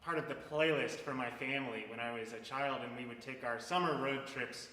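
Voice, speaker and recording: A reverberant hall carries the bright voice of an American man speaking through a face mask. He talks informally and reflectively, pausing as he searches for words, like a musician introducing his piece. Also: mid-range voice. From Florida, United States. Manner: halting, reflective. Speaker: cellist introducing a solo piece. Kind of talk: informal spoken introduction at a concert. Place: indoor performance hall. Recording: echoey hall with long reverb.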